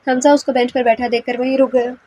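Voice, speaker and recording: A woman reading a romance novel aloud as an audiobook narrator in steady storytelling. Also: high-pitched, fast, muffled recording. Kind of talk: scripted narration.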